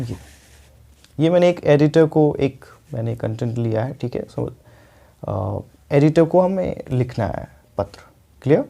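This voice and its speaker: A man's voice: mid-range voice, vocal fry, warm tone. A young man with an Indian accent teaching a spoken English lesson, explaining step by step and often checking with "ठीक है".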